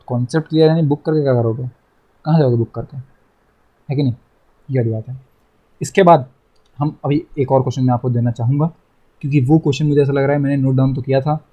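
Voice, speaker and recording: A man's voice: mid-range voice, lo-fi sound. A young man teaching a math lesson online, chatty, repeating himself and teasing his students.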